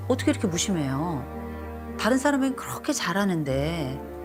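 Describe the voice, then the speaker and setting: Middle-aged woman, marriage counselor, low voice, stern lecturing tone, faint music behind. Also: sing-song, moderate pace. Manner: stern, lecturing, repeats commands. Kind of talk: blunt counseling session on TV.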